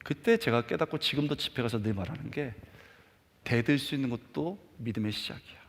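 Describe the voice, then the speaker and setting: Animated man preaching in a reverberant hall. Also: mid-range voice, a little fast. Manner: animated storytelling, acting out his younger self shouting. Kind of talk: sermon.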